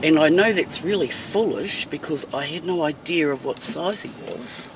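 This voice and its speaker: This middle-aged woman, a New Zealander, rants into her phone while driving a van in traffic, blunt and fiery with plenty of swearing. Her voice is low and her pace moderate. Because the phone mic is far away, road noise comes through loudly.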